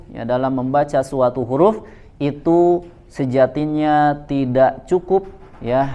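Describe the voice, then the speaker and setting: A man teaching a Quranic recitation lesson to a congregation, speaking in a measured way and tagging nearly every phrase with a soft "ya". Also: mid-range voice, dull audio.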